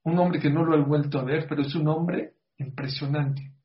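A man's voice: a little high, fairly even intonation, normal speed. A middle-aged man tells a moral story as a religious speaker, earnestly questioning his audience. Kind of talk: storytelling sermon. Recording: slightly muffled lo-fi audio.

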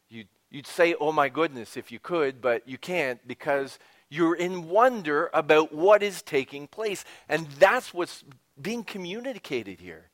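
A man preaching a sermon with expressive emphasis, dropping to a whisper and rising for key points, with conversational asides to the congregation. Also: a little high, takes it slowly. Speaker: pastor.

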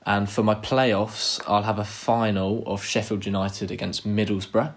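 A man's voice: fairly low pitch, little pitch movement, a little slow. A man chatting casually, giving matter-of-fact football predictions as a pundit.

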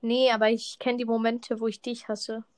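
A woman's voice: on the high side, flat delivery, normal speed, smooth. A woman co-hosting a casual podcast chat, teasing and mocking her partner in a dry way. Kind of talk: casual chat while opening in-game rewards.

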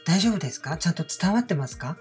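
Low-voiced woman telling family stories. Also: animated, fast talker, darkish tone, faint music behind. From Osaka, Japan. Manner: candid, chatty, self-deprecating asides. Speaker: channel host. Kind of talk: casual personal storytelling.

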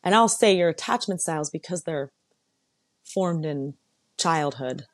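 A woman's voice: low-pitched, expressive, a little slow, dry recording. A woman hosting her own show, talking candidly and a little sarcastically in a casual solo monologue. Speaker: podcast host. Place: lives in San Diego.

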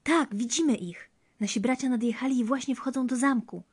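A woman's voice: on the high side, level tone, brisk, dark tone, slightly rough, pitched above the performer's own voice. A woman voicing young sisters who call out from castle walls in a spoken fairy tale. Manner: calling out, raised.

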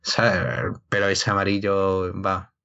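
A man's voice: low voice, monotone, a little slow, bright, forceful tone. A man giving casual, discursive wrestling analysis in a conversational way, often interrupting himself. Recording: slightly dull, lo-fi sound.

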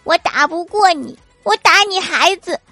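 A woman's voice: animated, normal speed, soft background music, heavily acted. A woman voicing a crying little girl who threatens revenge in a comedy story. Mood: whiny threat. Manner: whiny, high and loud.

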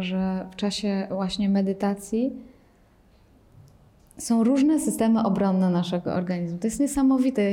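A woman leading a meditation workshop, explaining in a lively way and acting out anxious inner voices. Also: mid-range voice. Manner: animated, acts out panicked inner voices. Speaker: meditation teacher. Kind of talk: workshop teaching.

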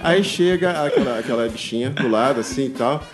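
A man's voice: mid-range voice, animated, quick pace, music in the background. Easygoing man swapping jokes. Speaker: joke teller. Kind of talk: casual joke telling.

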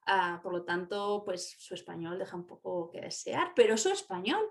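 A woman's voice: lowish voice, flat delivery, moderate pace, vocal fry, fairly bright tone. Chatty woman with a Spain Spanish accent. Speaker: Spanish teacher. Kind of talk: casual conversation.

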